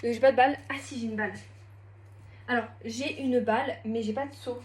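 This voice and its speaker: A young woman chatting casually at home through a challenge vlog, self-mocking and quick to laugh. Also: a little high, fairly even intonation. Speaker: vlogger.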